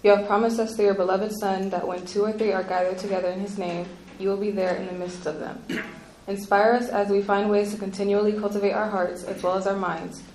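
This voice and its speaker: A teenage girl, a high school student, earnestly reading an opening prayer. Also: a little fast, echoey room, a little hiss or hum, low-quality recording. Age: teens. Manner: earnest, careful, even reading. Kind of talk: read prayer.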